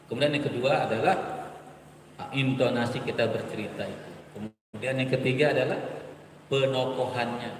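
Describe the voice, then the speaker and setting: A man training Quran teachers in a workshop, explaining storytelling with lively, animated delivery. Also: medium pitch, slight background noise. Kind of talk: workshop lecture. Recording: echoey hall, distant mic.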